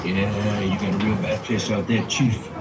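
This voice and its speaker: An actor playing a cocky, scornful shark hunter for hire with taunting, salty bravado in a theme park show. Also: male voice, fairly low pitch, little pitch movement, normal speed, natural voice. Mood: brash, bargaining. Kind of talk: theme park character acting. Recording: noisy, echoing playback in open air.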